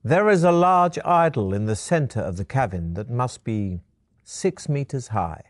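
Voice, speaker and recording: A man narrating a fantasy gamebook adventure in the second person, in a measured storytelling manner. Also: mid-range voice, expressive, no echo, studio quality.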